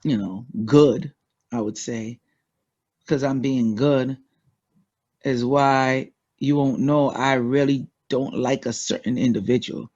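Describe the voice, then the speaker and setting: A man's voice: mid-range voice, fairly even intonation, takes it slowly, darkish tone, highs cut off. A man with a Trinidadian accent, a guest talking bluntly and casually, swearing freely. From United States. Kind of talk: casual interview talk.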